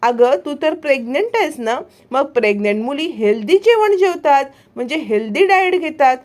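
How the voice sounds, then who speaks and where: Woman doing a suspicious young guy asking question after question, high voice. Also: animated, normal speed, darkish tone. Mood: probing. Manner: questioning, probing.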